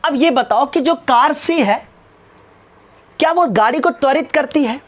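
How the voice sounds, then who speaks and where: A man's voice: very high voice, measured pace, fairly bright tone. A male physics teacher works through numericals step by step. He keeps checking that his students follow and calls them by fond, fatherly names. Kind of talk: whiteboard lesson solving numericals.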